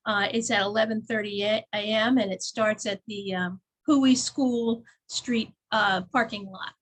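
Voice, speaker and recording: A woman's voice: medium pitch, fairly even intonation, measured pace. A woman co-hosting a casual local events chat, talking easily, laughing often and reading out event blurbs. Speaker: chamber of commerce co-host.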